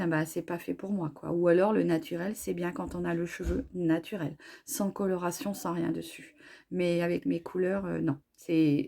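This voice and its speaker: A middle-aged woman with a hoarse voice from a cold, chatting casually about her hair products with many fillers and restarts. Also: lowish voice, warm tone. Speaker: beauty vlogger.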